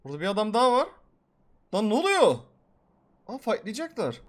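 A man giving live, excitable gameplay commentary as a gaming YouTuber, swearing and talking to his viewers. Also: high-pitched, fairly quick.

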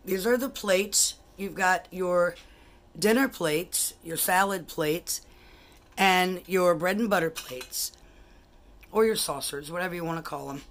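A woman with a fairly low, slightly slow voice chats casually as she shows off her buffet table. It's a relaxed show-and-tell vlog from a collector, filmed indoors in her home dining room on a handheld phone camera.

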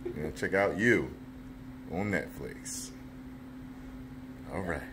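Woman behind the camera, very low register, casual teasing, clearly noisy home recording. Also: slow. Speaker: person filming. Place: living room, indoors. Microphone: phone, held while filming.

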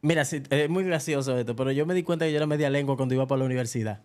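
A young adult Dominican man, a comedian, chatting casually and telling lively stories, with a Dominican Spanish accent and a speech habit of not pronouncing the R. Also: mid-range voice, rapid-fire. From Dominican Republic. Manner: animated storyteller who acts out quoted voices. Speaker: comedian guest. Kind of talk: casual podcast chat.

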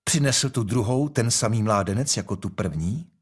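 A calm young investigator questions a king with quiet persistence, voiced by a male audiobook reader. His delivery is measured and unhurried, with a slightly husky tone. He never raises his voice. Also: lowish voice.

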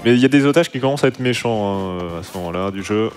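A man with a fairly low voice calmly commentates a live speedrun and talks through each level in turn. Music plays clearly in the background. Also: fast. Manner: calm, walks through each level step by step.

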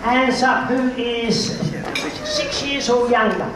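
A man's voice: very high voice, wildly swooping pitch, takes it slowly. Echoey middle-aged man, kids' party magician. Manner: kids' party magician, playful, instructing the children and prompting call-and-response. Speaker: children's party magician and host. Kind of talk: live kids' party magic show patter. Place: large indoor reception hall with seated children and guests. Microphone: headset mic through speakers, picked up by distant camera. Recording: echoey hall, far off, very noisy crowd. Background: loud chatter of children and crowd.

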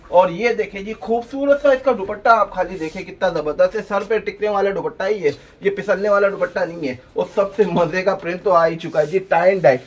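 High-voiced, excited shopkeeper. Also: male voice. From Pakistan. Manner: energetic, hard-selling, repetitive praise. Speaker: clothing shop owner. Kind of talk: sales pitch vlog. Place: small clothing shop indoors.

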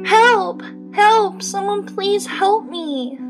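A man's voice: very high-pitched, takes it slowly, music in the background, pitched above the performer's own voice. A man voicing a tiny, frightened fairy-tale girl in a cartoon storybook. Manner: frightened, pleading.

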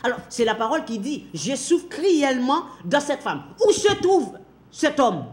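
A woman's voice: high-pitched, sing-song, a little slow, roomy sound. A woman teaching from the Bible in a sermon, repeating key phrases and asking and answering her own questions.

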